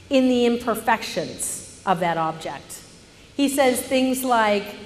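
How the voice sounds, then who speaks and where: A woman telling a personal story on stage, animated, swinging from hushed narration to loud indignation. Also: a little high, long reverb tail.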